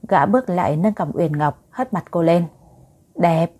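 A woman narrating a romance novel as an audiobook, reading every character in one voice and louder for the thugs. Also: lowish voice, lively intonation, normal speed.

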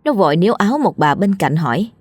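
A woman storyteller narrating a scripted ghost story in a steady, grave way. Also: fairly low pitch, fast, husky, dry recording, studio quality, faint music behind.

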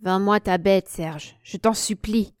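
A woman's voice: medium pitch, normal speed, darkish tone, no echo, clean studio sound, natural voice. Woman putting on an obsessive, grasping landowner. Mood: insistent. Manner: insistent and pleading.

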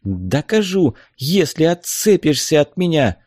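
A man voicing a haughty, angry woman in a storybook reading, sharp and scornful. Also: medium pitch, sing-song, slow, dry recording, clean studio sound, voice pushed up.

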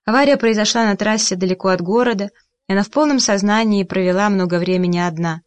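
A woman narrates a novel in an audiobook, keeping a calm, even storytelling manner. Her pitch sits in the middle range. The recording is dry and close, with no room sound. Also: fast talker, no room sound. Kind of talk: scripted narration.

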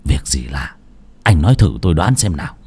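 A man playing a shrewd old grandfather who speaks low and measured, in an audio storybook. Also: sing-song, dark tone, slightly rough, exaggerated voice. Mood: probing. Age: older. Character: grave old village grandfather, shrewd and probing.

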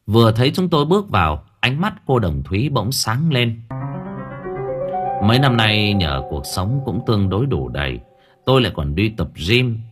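A man narrating a story in a lively, wry storytelling manner. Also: fairly low pitch. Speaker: audiobook narrator.

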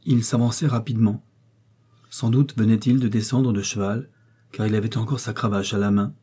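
A man narrating a novel in a steady, measured reading. His voice is low and husky, with a dark, mellow tone. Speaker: audiobook narrator. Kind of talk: scripted narration.

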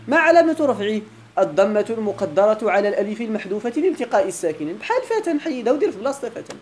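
A man with a Moroccan accent teaching grammar in a classroom lecture. He keeps checking that his students follow and repeats example words slowly for emphasis. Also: sits high, a little mellow, slight background noise. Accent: Moroccan Arabic.

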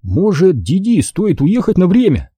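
A man's voice: sits high, wildly swooping pitch, measured pace, dark tone, husky, no room sound, studio quality, voice pushed up, full character voice. A man voicing a dutiful young male apprentice, reluctant and wry, in an audiobook.

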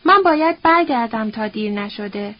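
A woman voicing a quiet, reserved young man who speaks in a calm, restrained way. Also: fairly high pitch, no room sound, highs cut off, voice pushed down, close to an everyday voice.

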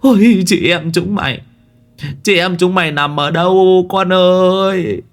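A man's voice: very fast, a little mellow, natural voice. A man voicing a panicked old village man who wails, pleads and then scolds. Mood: wailing panic. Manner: wailing, pleading, pitch leaping high.

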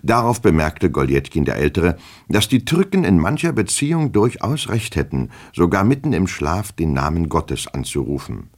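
A man reading a classic novel for radio in a measured, even storytelling manner. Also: sits low. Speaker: reader.

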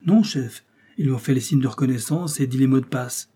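A man's voice: medium pitch, a little fast, mellow, slightly rough, natural voice. A man reading aloud and voicing a dutiful male police agent reporting earnestly to his chief.

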